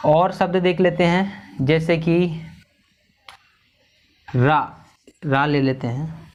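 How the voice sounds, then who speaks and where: A man teaching a lesson on vowel signs, slowly repeating and sounding out each syllable. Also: a little high. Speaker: Hindi teacher.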